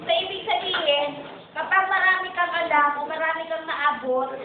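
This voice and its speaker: Woman Bible study teacher, high voice, keeps saying "he said", on a tinny, hissy chapel recording. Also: steady tone, moderate pace, a crowd in the background. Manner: keeps repeating "sabi niya" while retelling a preacher's points. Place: chapel hall. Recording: tinny, echoey, distant lo-fi hall recording.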